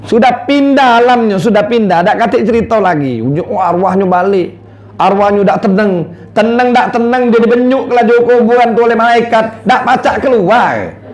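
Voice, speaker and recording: A man with a Palembang Malay accent preaching a sermon, swinging from loud calls to low, quiet lines. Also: lively intonation, fairly quick.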